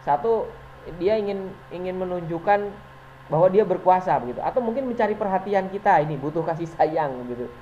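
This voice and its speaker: A man's voice: high voice, expressive, brisk, mellow. A man teacher giving an informal presentation to fellow teachers, chatty and hesitant, full of fillers and little chuckles. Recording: dull lo-fi recording with faint noise.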